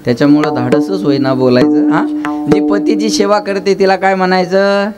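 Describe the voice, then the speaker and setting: A man's voice: high-pitched, fairly even intonation, normal speed, loud music behind the voice. A man from preaching a devotional kirtan sermon, chanting verses and teasing his audience with questions and jokes. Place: live gathering with instruments.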